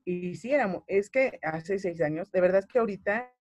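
A Mexican woman in her thirties tells her own story as a mother, animated and emotional, slipping into the voices of the people she quotes. The sound is dry and close, with no room around it. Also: medium pitch, fairly quick, no echo, muffled recording. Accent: Mexican Spanish. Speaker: guest mother. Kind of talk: personal story in conversation.

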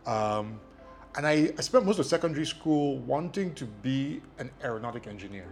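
A man's voice: mid-range voice, animated, normal speed, a little mellow, faint music behind. A man from Nigeria whose first language is Ijesha, a guest telling his story with lots of ums and a self-deprecating air. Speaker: guest, media company CEO. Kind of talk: casual interview.

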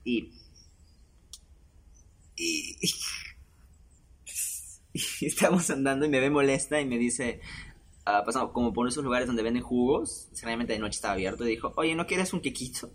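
Speaking at a moderate pace with long pauses, this young podcast host uses a mid-range voice. He tells a personal story as a casual, chatty monologue, poking fun at himself and frequently laughing between phrases.

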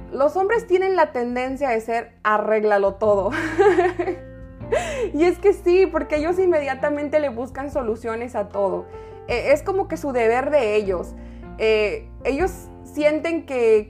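A woman giving relationship advice in a playful, chatty manner, often laughing and restarting her sentences. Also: high voice. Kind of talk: casual advice talk.

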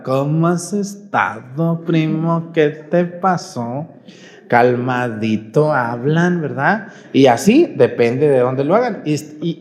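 Folksy priest preaching. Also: male voice, a little high, dark tone. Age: 40s. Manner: questioning the congregation directly, folksy. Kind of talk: sermon at Mass.

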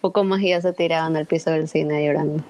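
Relaxed young woman, lower voice. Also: fast. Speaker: podcast guest. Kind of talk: casual chat.

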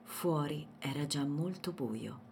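A woman narrating a children's storybook in a gentle, expressive way. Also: low voice, slow, vocal fry, a little hiss or hum.

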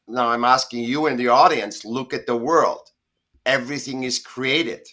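His voice is medium-pitched with fairly even intonation, bright and forceful at a normal speed. A middle-aged Austrian guest artist on a video call, he talks casually from home in Southern California for an interview, emphatic, rambling and prone to correcting himself.

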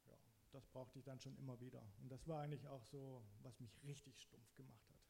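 A man's voice: medium pitch, steady tone, a little fast, creaky, warm tone. A man from eastern Saxony telling his own conversion story in plain, slangy, conversational speech. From eastern Saxony, Germany. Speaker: guest sharing a conversion testimony. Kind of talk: candid personal storytelling.

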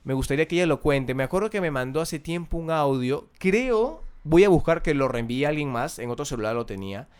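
A man, hosting a podcast and telling a story in an animated way, acting out the voices of the people in it. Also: fairly high pitch, a little fast, few pauses, clean tone. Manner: animated, acts out quoted voices. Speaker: podcast host. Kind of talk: casual storytelling.

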